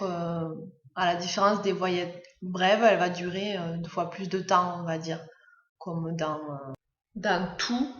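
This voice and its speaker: In an echoey room and a muffled recording, a woman whose native language is French gives a step-by-step English lesson. Her voice is lowish, and her narration is full of hesitations and filler words.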